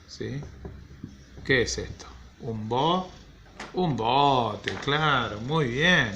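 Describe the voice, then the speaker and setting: A gravelly-voiced man leads a children's phonics lesson in a slow, patient rhythm. His way of talking is playful and encouraging. Faint room noise sits behind him. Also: medium pitch, animated, sharp tone. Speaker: primary school teacher.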